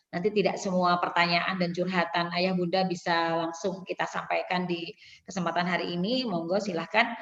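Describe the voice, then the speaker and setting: A woman's voice: on the low side, roomy sound, in a large hall, muffled recording. A woman moderating a parenting forum, politely reading out contact details and listener questions.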